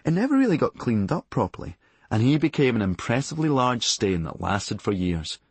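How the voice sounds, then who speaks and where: At a brisk pace, a Scottish author from Glasgow narrates his memoir for audiobook in a husky voice, with dry, deadpan comedy and animated pitch swings. No room echo is audible; the audio is dry.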